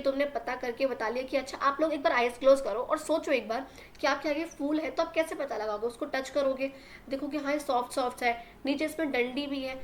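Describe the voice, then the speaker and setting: A young woman teaching an English lesson to young children. She reads the English lines slowly, explains them in Hindi, and repeats words with little check-ins. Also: sits high, a bit bright.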